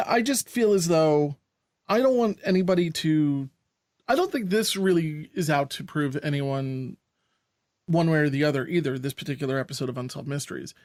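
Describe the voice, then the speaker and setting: A podcast co-host with a slightly high, somewhat mellow voice gives blunt, opinionated takes in easygoing casual chat, laughing easily. The recording is dry and clean, with studio sound.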